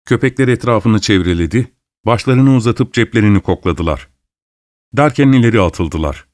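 A man narrating a literary story in a measured, even reading. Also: lowish voice, no room sound, studio quality.

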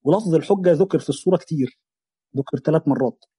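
A young Egyptian-accented man teaches a Quran chapter, explaining in a rapid, slightly raised voice. His tone is mellow and husky, and the recording is dry and close. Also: a little high, no echo. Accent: Egyptian Arabic. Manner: fast colloquial explanation mixed with quoted verses. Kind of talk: religious lesson on a Quran chapter.

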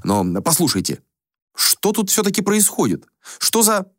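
A man's voice: high-pitched, wildly swooping pitch, normal speed, fairly bright tone, no room sound, clean studio sound, pitched above the performer's own voice, exaggerated voice. A man voicing a confused, irritable ordinary man in a business suit who speaks bluntly. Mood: irritated. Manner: agitated, blunt.

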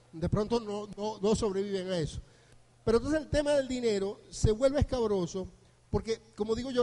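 Male couples therapist, high but mellow voice, jokey conference speaker, hall reverb. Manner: humorous, anecdotal, acts out dialogues. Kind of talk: live conference talk.

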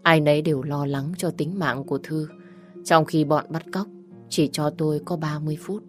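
A young woman with a notably low voice tells a first-person story in calm, even narration. Soft music plays faintly underneath. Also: normal speed.

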